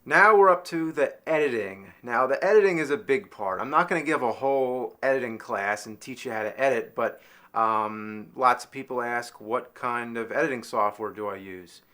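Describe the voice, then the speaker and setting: Speaking at a moderate pace with a fairly bright, mid-range voice, a male video creator loosely describes how he edits his work. It's a casual, filler-heavy explanation from behind the scenes.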